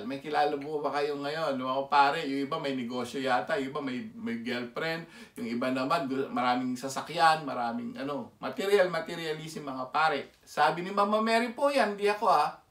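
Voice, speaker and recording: A man's voice: high-pitched, a bit bright. A man with a Filipino accent preaching a sermon, emphatic and always putting rhetorical questions to his listeners. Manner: emphatic, keeps asking the audience rhetorical questions. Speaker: lay preacher. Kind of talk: Taglish sermon commentary. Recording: echoey room, mic set far off.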